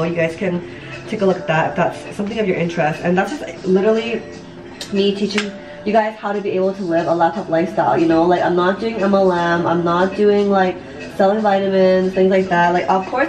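A woman in her late twenties, a vlogger and online business coach, chats candidly with her viewers while doing her makeup in her bathroom at home. Her fairly low voice rambles along, full of "like" and "you know," with some swearing mixed in. The camera sits a step or two away, so the sound is distant and echoey.

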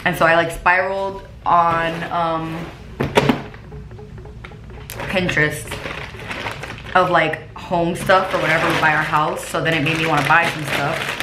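A young woman talks to her camera in a casual, chatty vlog style. Her s sounds have a lisping whistle, and her voice sits on the low side. The recording is echoey, with clear noise in the room. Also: fairly even intonation, measured pace, long pauses. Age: young adult. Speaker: vlogger. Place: rooms inside a house. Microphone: camera mic at about arm's length.

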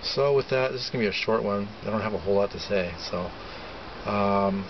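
Low-voiced American man, muffled and noisy. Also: brisk. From California, United States. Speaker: vlogger reviewing pipe tobacco. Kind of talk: casual chat to camera. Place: inside a parked vehicle cab, outdoors by day. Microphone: camera at about arm's length or farther. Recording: muffled, with clear steady vehicle-like background noise.

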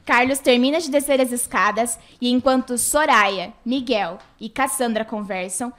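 High-voiced woman narrating a radio soap. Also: moderate pace, a bit bright.

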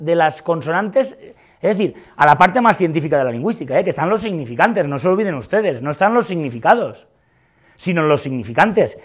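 A man giving a university lecture on philosophy of music, arguing emphatically and repeating words for stress. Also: high-pitched. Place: large lecture hall.

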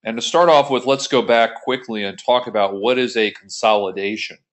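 A man with a medium-pitched, slightly bright voice walks viewers through an accounting screen-share tutorial. He speaks at a moderate pace, methodical and informal as he explains.

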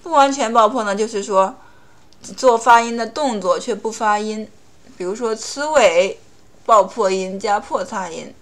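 Woman, pronunciation teacher, explanatory, slow repeated example words, language lesson. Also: mid-range voice. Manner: explains rules in Chinese, then repeats English example words slowly.

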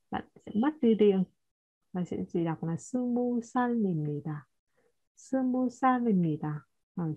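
Brief: woman language teacher, patient explainer, thin phone-like audio. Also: medium pitch. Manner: explains patiently, repeats and corrects pronunciation. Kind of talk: online class teaching.

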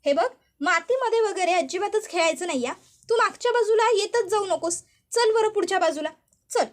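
A woman's voice: very high-pitched, fairly quick. A woman voicing a scheming grandmother. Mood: coaxing. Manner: bossy, falsely sweet. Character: scheming older mother-in-law, grandmother. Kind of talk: storytelling voice acting.

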